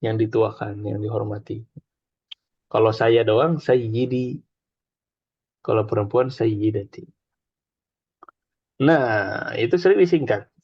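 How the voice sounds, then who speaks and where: A man's voice: fairly low pitch, slow pace, pauses often, slightly rough, dry recording. A man teaching an informal Arabic class, chatty, explaining with examples and having students repeat after him. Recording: dull lo-fi dry recording.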